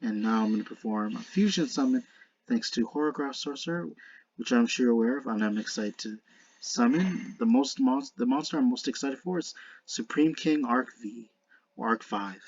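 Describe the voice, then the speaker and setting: A man with a slushy lisp on his s sounds gives casual, unscripted commentary to viewers as a video creator, earnest and halting, often restarting his words. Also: medium pitch, darkish tone, slightly rough, lo-fi sound. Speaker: video creator narrating a card game duel.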